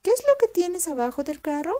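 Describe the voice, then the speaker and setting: A woman voicing a sly, scheming female fox in a children's storybook reading, speaking high and wheedling. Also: big pitch swings, brisk, mellow. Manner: high, sing-song, wheedling.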